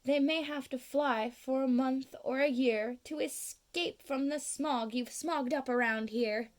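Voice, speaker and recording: A woman voicing a grumpy old forest creature from a storybook, croaky, scolding and pleading. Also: high voice, a little slow. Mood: weary complaint. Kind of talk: storybook read-aloud.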